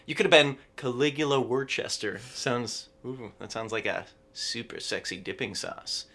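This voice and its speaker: A man improvising comedy, playful and riffing quickly from joke to joke. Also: medium pitch, pushed and bright.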